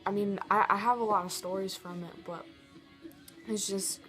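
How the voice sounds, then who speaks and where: Earnest, halting teenage girl confessing. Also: lowish voice. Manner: halting and earnest, full of restarts and fillers. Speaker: vlogger. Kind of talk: personal confessional vlog.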